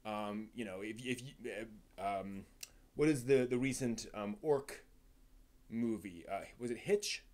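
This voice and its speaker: In a fairly low, darkish voice, a man hosts an easygoing live stream and comments on the news. He rambles and halts, often beginning sentences again and stressing points before trailing off.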